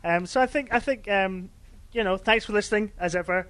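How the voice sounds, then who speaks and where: A man's voice: high-pitched, brisk, a bit bright. A man co-hosting a podcast in casual chat, wry and agreeable. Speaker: podcast co-host.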